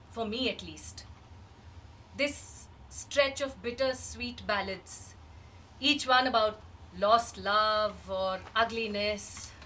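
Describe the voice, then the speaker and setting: A woman playing a grieving, wistful woman in a rehearsed reading of a dramatic monologue, measured and halting with long pauses. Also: medium pitch, pushed and bright. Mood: wistful, reflective. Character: grieving woman recalling a dead loved one, wistful and searching. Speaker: actor in a rehearsed reading of a play. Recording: distant microphone, faint background noise.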